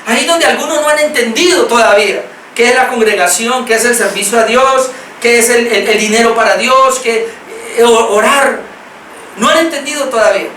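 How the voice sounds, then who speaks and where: Colombian pastor man preaching, high bright voice, echoey church hall, mic kinda far. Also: moderate pace, slight background noise. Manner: earnest, repetitive preaching with scripture readings. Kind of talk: sermon.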